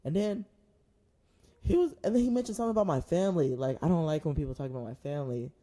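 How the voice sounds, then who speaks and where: A man telling a personal story in casual podcast chat, animated and laughing often, with slangy phrasing. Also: on the high side, fast. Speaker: podcast co-host.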